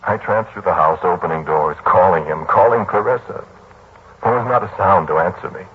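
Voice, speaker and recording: Shaken and bleak, a low voice with a breathy edge narrates in the first person as a troubled, kindly lodger haunted by memories, in a 1940s radio drama. The actor's delivery is brooding and measured, turning to pleading in dialogue. Sound quality is muffled and noisy, typical of radio of that era.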